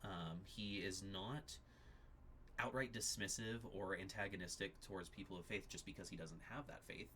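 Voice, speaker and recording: A man with a notably low, deep voice delivers a church class lecture, explaining each point carefully and steadily. He pauses and restarts now and then as he works through an argument. Faint background noise sits under his voice. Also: sharp tone. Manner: explanatory, measured, occasional restarts.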